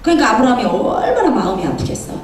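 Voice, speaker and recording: A woman preacher giving a sermon in a church, telling a story with lively acted-out dialogue. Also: a little high, quick pace, a little hiss or hum. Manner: animated storytelling, acting out dialogue. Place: church sanctuary. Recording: echoey church hall from far off.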